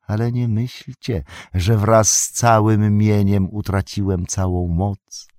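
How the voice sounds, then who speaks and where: A man voicing an old, fallen male wizard who is scornful and spiteful, speaking slowly and menacingly in an audiobook reading. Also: fairly low pitch, flat delivery, no echo, clean studio sound, pitched above the performer's own voice. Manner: sneering, slow and menacing, rising to shouts.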